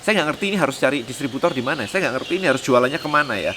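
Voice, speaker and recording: A man hosting a motivational vlog, talking casually to camera, lively and mixing in English words. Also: mid-range voice, rapid-fire, background noise. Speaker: vlog host and business coach. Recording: roomy long reverb with faint ambience.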